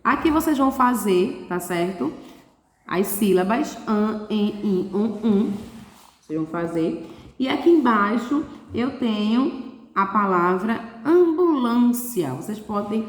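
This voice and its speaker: A woman primary school teacher explaining a lesson to young children, patiently sounding out syllables slowly and checking in often. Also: a little high, lively intonation. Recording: echoey room, long reverb.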